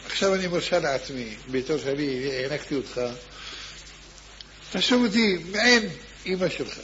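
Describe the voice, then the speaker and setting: A man's voice: a little high, lively intonation, bright, forceful tone, slight background noise. A man voicing a very old, devout woman who earnestly begs a favor, in a slightly muffled recording. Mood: pleading. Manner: earnest, imploring. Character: very old pleading woman, devout former wet nurse.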